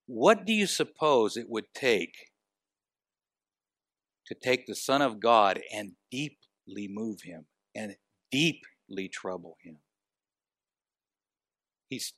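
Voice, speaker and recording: A man preaching a sermon, asking the congregation rhetorical questions and moving between quiet and emphatic delivery. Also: medium pitch, no room sound, clean studio sound.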